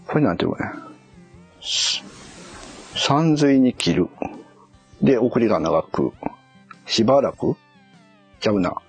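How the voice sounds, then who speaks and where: A man's voice: medium pitch, slightly rough. A man on a casual live stream, muttering and puzzling aloud as he reads a kanji quiz and corrects himself.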